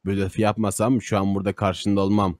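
A man co-playing in a Minecraft role-play, talking in a gruff, terse way. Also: lowish voice, little pitch movement, brisk, a crowd in the background. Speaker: co-player.

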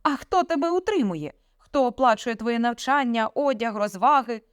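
A woman voicing a stern, domineering middle-aged father who shouts and sneers at his daughter in a read-aloud story. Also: fairly high pitch, lively intonation, moderate pace, smooth, no room sound, studio quality, pitched above the performer's own voice, natural voice. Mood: scornful. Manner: shouting, sarcastic, commanding.

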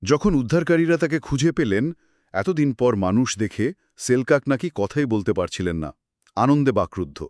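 A man co-hosts a scripted history talk, recorded close and dry with no room sound. His pitch swings widely as he explains events in short, clipped clauses. Now and then he turns a point into a musing question. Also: animated, normal speed, a little mellow, dry recording. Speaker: co-host. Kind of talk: scripted two-host history chat.

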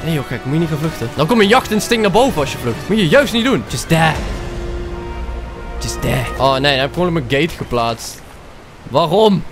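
A young gaming YouTuber with a Dutch accent commentates his own gameplay over music, speaking briskly in a voice on the high side. He's excitable, swears, and drops English slang into his talk.

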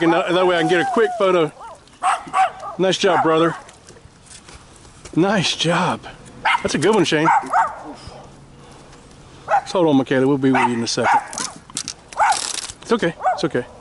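An excited fishing guide coaches his clients on a small canal boat, cheering enthusiastically and repeating his praise in a high voice. The outdoor recording comes from an action camera mounted on the boat, with wind and water noise audible.

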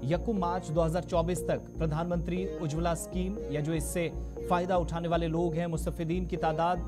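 A man's voice: a little high, level tone, brisk. Man reading news over music. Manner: formal Urdu-flavored news diction. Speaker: news anchor. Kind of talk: scripted news narration. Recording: studio voice-over with background music.

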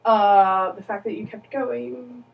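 A woman's voice: mid-range voice, fairly even intonation, slow pace, gravelly, lo-fi sound. Encouraging woman voice teacher, distant mic. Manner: encouraging, precise corrections. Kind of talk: voice lesson coaching.

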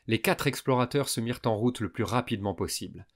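A man calmly narrating a science fiction audiobook for young listeners. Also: mid-range voice, quick pace. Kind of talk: scripted narration.

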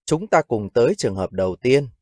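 A man with a Vietnamese accent teaching English phrases, repeating each one slowly and deliberately. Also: mid-range voice, sing-song, over music.

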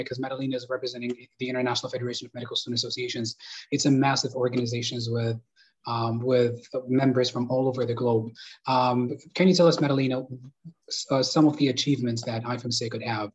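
A man's voice: mid-range voice, level tone, quick pace, breathy edge. A young man from Sudan speaking on a conference panel over a video call from his living room, hesitant with many fillers and restarts. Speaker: panelist and moderator. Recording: dull lo-fi video call audio.

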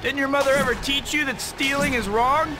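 A youthful male superhero from a video game, his voice set high. He is cocky and nimble, always teasing with wisecracks. Loud music plays behind him. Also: steady tone, fairly quick. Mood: cocky, taunting. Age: young adult.

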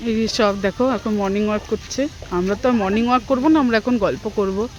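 A woman's voice: medium pitch, brisk, a little mellow, lo-fi sound, a little hiss or hum. A woman in her thirties from West Bengal, vlogging casually as she walks outdoors with friends by a lake, filming on a handheld phone. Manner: chatty, narrating the outing as she walks. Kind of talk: casual vlog narration.

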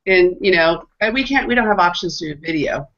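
Upbeat woman organizer, bright tone, talking through plans over a muffled call line. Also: lowish voice, animated, fairly quick. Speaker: guest, conference organizer. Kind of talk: casual video-call conversation. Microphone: video call. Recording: dull lo-fi video-call audio.

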